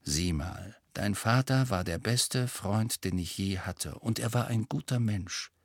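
A man voicing a hot-headed adult wizard who talks low, quiet and emphatic. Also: measured pace, slightly rough, dry recording, clean studio sound. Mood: earnest.

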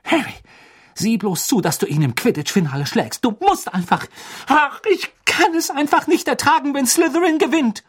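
A male audiobook narrator voicing a fierce, clever teenage schoolgirl in a high, shrill, heated way. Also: expressive, normal speed. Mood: urgent. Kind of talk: audiobook character voice.

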